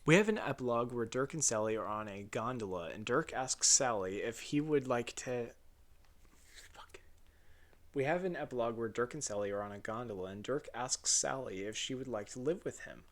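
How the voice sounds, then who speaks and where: In a raw, unedited take, a man reads his own video essay script at an ordinary middle pitch, briskly and with few pauses. His tone is casual and wry, he swears now and then, and whenever he flubs a line he simply starts the sentence over.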